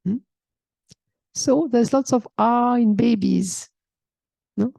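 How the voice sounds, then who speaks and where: A woman, teaching a calm, reflective spiritual talk and often checking in with a soft hmm. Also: a little high, slow pace, creaky, no echo. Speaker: yoga teacher. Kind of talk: spiritual talk reading and explaining a text.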